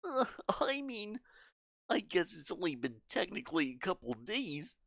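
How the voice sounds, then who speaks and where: A woman's voice: on the low side, very animated, measured pace, fairly bright tone, no room sound, clean studio sound, voice pushed up, full character voice. A woman voicing a cheerful, caring teenage club president in a visual novel, sounding sweet and earnest. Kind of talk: reading game dialogue aloud.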